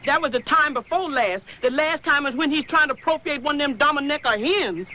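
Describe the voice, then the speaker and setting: An actress playing a bossy but fond housekeeper, talking in a forceful scolding dialect. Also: female voice, high-pitched, brisk, a little hiss or hum.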